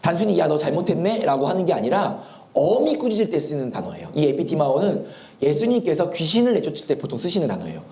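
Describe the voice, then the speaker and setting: A man's voice: fairly high pitch, huge pitch swings, quick pace, darkish tone. A male pastor preaching a sermon in a church, explaining and telling the story animatedly, with a sore throat. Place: church sanctuary. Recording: echoey church hall.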